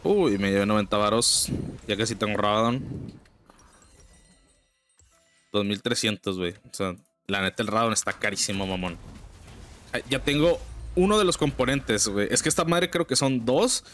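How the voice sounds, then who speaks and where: A young man with a Mexican accent gives casual, slang-filled commentary over his own gameplay, breaking into sudden high exclamations and griping about teammates. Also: normal speed, pauses often, a bit bright, faint music behind. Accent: Mexican Spanish. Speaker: gaming streamer.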